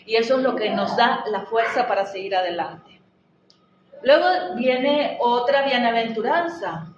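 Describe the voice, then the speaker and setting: A woman's voice: fairly high pitch, unhurried, roomy sound, highs cut off, a little hiss or hum. A woman preaching a sermon in an earnest, conversational way, often restarting her phrases as she speaks to the congregation. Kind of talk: church sermon. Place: church hall.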